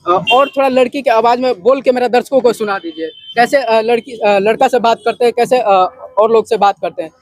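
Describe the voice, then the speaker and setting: Male interviewer, strikingly high voice, close dry sound, informal prompting delivery that echoes back answers. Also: brisk, hardly any pauses, a little mellow. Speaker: interviewer, video channel host.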